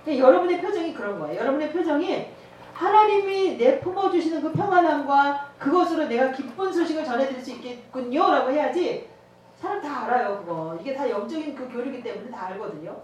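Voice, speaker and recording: Lively woman telling a story in church. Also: high-pitched, fast, slight background noise. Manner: storytelling, acting out dialogue, laughing often. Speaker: evangelism trainer. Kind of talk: sermon with personal testimony. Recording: echoey church hall, mic at a distance.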